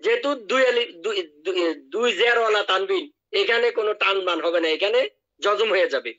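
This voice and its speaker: A man teaching Quran recitation. His voice is high and bright, and he drills each word slowly and patiently. The call audio sounds dull and lo-fi. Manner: drills words by repeating them slowly. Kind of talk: online tajweed lesson.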